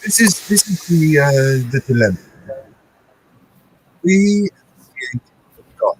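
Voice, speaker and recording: A man's voice: a little high, lively intonation, slow, breathy edge, rough recording. A man chatting emphatically on a call, his level uneven as his mic cuts in and out. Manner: emphatic, rambling, swears. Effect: uneven volume from a mic cutting out. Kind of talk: casual chat on a call.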